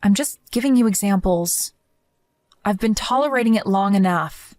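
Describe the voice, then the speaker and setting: A woman's voice: mid-range voice, moderate pace, darkish tone, close to an everyday voice. A woman voicing Lily, a young wife who complains about unfair treatment by her in-laws in a dramatized chat story. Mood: aggrieved. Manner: aggrieved, complaining.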